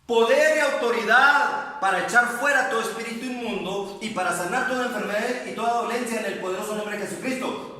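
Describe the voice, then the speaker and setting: Fervent pastor in an echoey hall. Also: male voice, sits high, bright, forceful tone, recorded from a distance. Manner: fervent, pleading prayers acted out aloud. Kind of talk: sermon.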